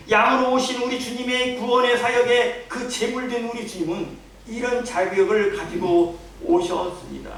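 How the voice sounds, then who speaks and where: A man's voice: sits high, very echoey. Male pastor, storytelling preacher who keeps asking rhetorical questions, recorded from a distance in a church, faint hiss behind. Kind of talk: sermon. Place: church sanctuary.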